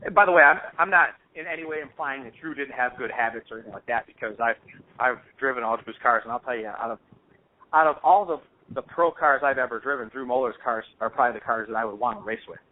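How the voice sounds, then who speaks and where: Speaking quickly in a mid-range voice, a hobby show host tells anecdotes during a casual phone call. His storytelling is informal, slangy and rambling, and the recording has a dull, lo-fi phone quality.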